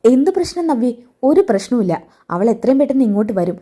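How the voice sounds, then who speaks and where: Woman reading a gentle reassuring young man. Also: mid-range voice, brisk, lightly acted. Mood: evasive. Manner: soothing, reassuring, turns flustered when hiding things. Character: calm caring older-brother-like young man.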